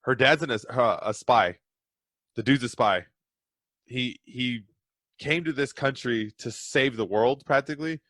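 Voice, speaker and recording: A man's voice: medium pitch, a little slow, a bit bright, no room sound, studio quality. A man chatting casually as a podcast guest, rambling through stories with a self-deprecating streak. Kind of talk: casual chat.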